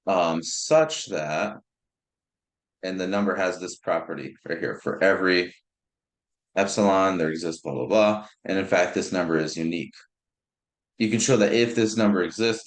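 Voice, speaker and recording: Young male instructor, very low voice, relaxed lecture delivery with restarts, roomy sound. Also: normal speed. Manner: informal, restarts words, thinks aloud with fillers. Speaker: math instructor. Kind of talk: recorded lecture. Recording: roomy echo.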